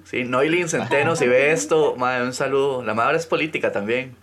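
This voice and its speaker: A man with a Costa Rican accent, telling stories quickly and jokingly in a casual chat. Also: mid-range voice, a bit bright.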